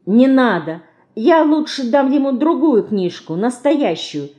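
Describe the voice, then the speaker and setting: A woman's voice: high-pitched, big pitch swings, a little slow, mellow, pitched above the performer's own voice. A woman reading an audiobook, voicing an earnest, sensible schoolgirl who is the older sister.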